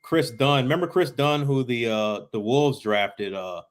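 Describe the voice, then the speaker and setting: A man's voice: mid-range voice, unhurried, background noise. A man co-hosting a podcast, chatting casually about sports and explaining things at length with lots of fillers. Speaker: podcast co-host.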